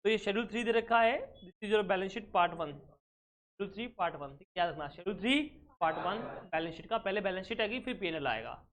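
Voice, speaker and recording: A man's voice: high-pitched, animated, unhurried, fairly bright tone. Guy teaching accounts, keeps going "what do we call this?", mixes in english words. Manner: keeps asking the class rhetorical check questions; mixes English terms into his explanation. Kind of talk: recorded exam-prep lecture.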